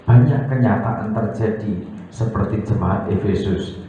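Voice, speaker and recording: A male pastor with a Javanese accent preaching a sermon, animated and teasing, quizzing the congregation and acting out little everyday scenes. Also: lowish voice, measured pace, very echoey, highs cut off, slight background noise. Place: church hall.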